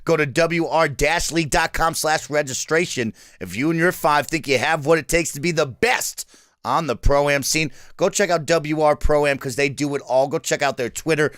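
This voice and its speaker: Man who says w for r, crisp voice. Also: fairly high pitch, moderate pace, fairly bright tone, dry recording, studio quality. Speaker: esports talk show host. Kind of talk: upbeat esports show commentary.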